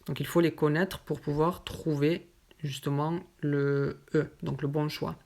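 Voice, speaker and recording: A woman teaching French pronunciation, explaining each example word patiently and saying it slowly and carefully. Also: deep voice, level tone, darkish tone. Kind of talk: slow explanatory lesson.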